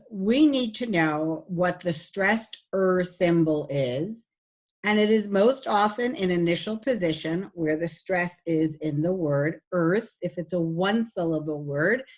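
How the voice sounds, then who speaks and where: A woman giving a recorded phonetics lecture, patiently demonstrating sounds while sharing her screen. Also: lowish voice. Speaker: phonetics instructor.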